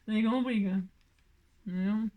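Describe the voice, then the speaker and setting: Warm in tone and a little slow, this medium-pitched woman walks her viewers through making a card. Her crafting chat is casual and chatty, full of self-mockery, frequent laughter, and lots of filler words.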